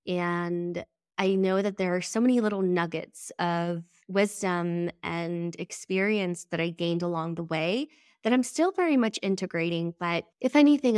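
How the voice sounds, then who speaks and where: Stuffy nasal lady with a cold doing a solo podcast, kinda low voice, slow and earnest, super dry sound. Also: darkish tone, clear, resonant tone, dry recording. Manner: earnest, reflective, unhurried. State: congested from a head cold. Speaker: podcast host.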